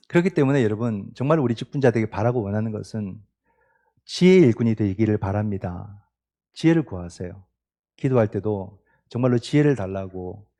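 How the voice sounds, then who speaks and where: A man preaching a sermon as pastor, talking conversationally and asking the congregation rhetorical questions, swinging between loud emphatic peaks and quiet low asides.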